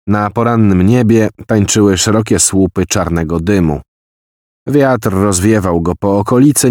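A man reading a war novel as an audiobook narrator, measured and even. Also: fairly low pitch, no echo, studio quality. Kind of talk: scripted narration.

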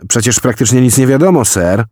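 A man's voice: mid-range voice, animated, a little fast, dark tone, no echo, clean studio sound, voice pushed up, natural voice. A man voicing a reserved, terse young American lieutenant colonel. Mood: hesitant. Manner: terse, guarded.

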